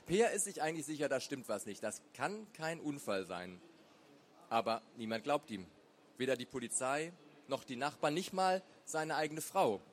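A man narrating a story aloud in a measured, dramatic way. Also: medium pitch, sing-song. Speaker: reader. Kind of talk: audiobook narration.

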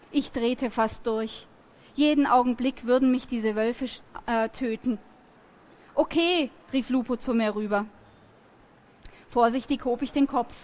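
A woman reading a novel aloud in a lively, expressive storytelling manner. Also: high voice. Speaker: reader.

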